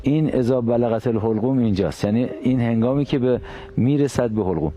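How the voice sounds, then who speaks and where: A man's voice: mid-range voice, warm tone, dull audio. A male interviewer asking careful, clarifying questions.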